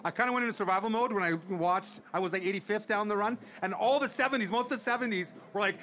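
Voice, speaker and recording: An excitable man in his forties, talking casually as a guest at an outdoor ski event and working up the crowd. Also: high-pitched, fast, slight background noise. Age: 40s. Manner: hyped up, excitable. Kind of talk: casual live event chat.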